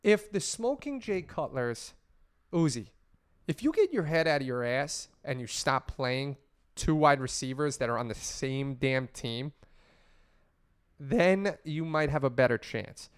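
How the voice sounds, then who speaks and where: A man's voice: mid-range voice, expressive, unhurried, smooth, no echo, clean studio sound. A man co-hosting a fantasy football podcast, chatting casually with crude, joking banter. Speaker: podcast co-host. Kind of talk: casual chat.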